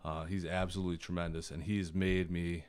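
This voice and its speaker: A man, a podcast guest telling relaxed stories and laughing often in a casual chat. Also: low voice, fairly quick, clear, resonant tone, no echo.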